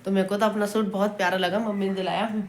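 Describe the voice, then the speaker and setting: A woman's voice: medium pitch, flat delivery, fast. A young woman, chatting casually and at length in a home vlog, recorded on a phone with faint household noise. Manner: chatty, rambling, scolds a toddler between remarks. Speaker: vlogger.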